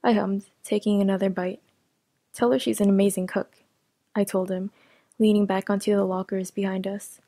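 A woman narrating a first-person audio story in an even, steady reading voice. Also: medium pitch, no echo.

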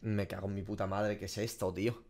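Sitting at a desk in a small indoor room, a Spaniard in his twenties streams games and reacts casually to a quiz, full of slang and swearing. He talks fast in a fairly low, darkish voice with little pitch movement.

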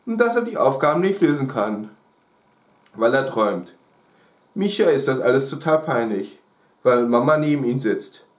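A man reading a children's book aloud in chapters, calm and unhurried, with casual asides. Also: mid-range voice. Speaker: storyteller. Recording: roomy echo.

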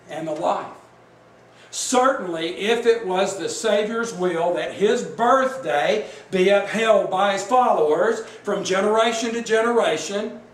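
A man preaches a sermon in a slow, deliberate way, leaning hard on his points and tossing questions out to his listeners. His voice sits high for a man. He sounds set back from the mic in a roomy hall, with a faint hiss behind him. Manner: emphatic, asks the congregation questions. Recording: echoey room, mic at a distance, faint background noise.

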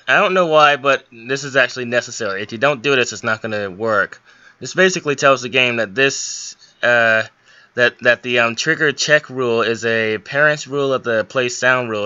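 A young adult man, a hobbyist game modder, walks through an informal step-by-step screen tutorial, explaining somewhat hesitantly. His medium-pitched voice is bright, forceful, clear, and resonant. The audio is dull, with no room sound.

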